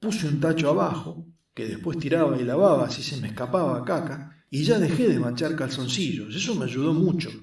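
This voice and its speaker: A man's voice: lively intonation, a little fast, creaky, few pauses, darkish tone. A man voicing an earnest, skinny young man, explaining his craft patiently. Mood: confiding. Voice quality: squeaky. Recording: roomy echo, mic at a distance.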